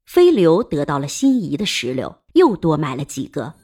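A woman narrating a historical-fiction audiobook in an expressive storytelling manner. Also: deep voice, normal speed, breathy edge, soft background music.

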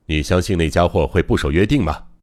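A man's voice: low-pitched, animated, brisk, darkish tone. A man reading as a stern, grave old doctor. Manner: grave, barking when angry. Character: stern older male doctor, tense and commanding.

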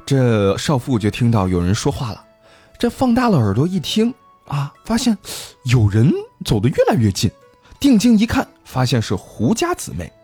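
A man's voice: medium pitch, moderate pace, husky, soft background music. A man hosting a podcast, telling a ghost story in a casual, joking way with his co-hosts. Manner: lively, playful, joking with co-hosts.

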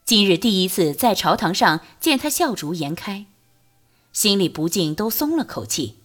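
A woman narrating a novel as an audiobook, reading in a lively, expressive storytelling way. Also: mid-range voice, normal speed.

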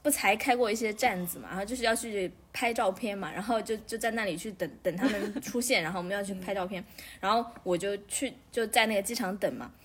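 A woman's voice: medium pitch, fast, hardly any pauses, breathy edge. A woman telling a long story in casual chat, rambling with many restarts.

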